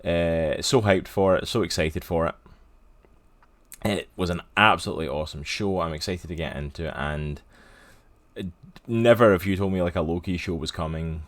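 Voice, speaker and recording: A man chats warmly as a podcast co-host, his voice sitting a little low. The sound is dry and close to the mic, with no room around it. He keeps things upbeat and friendly. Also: normal speed, no room sound. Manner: upbeat, greets chat viewers by name. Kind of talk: casual chat.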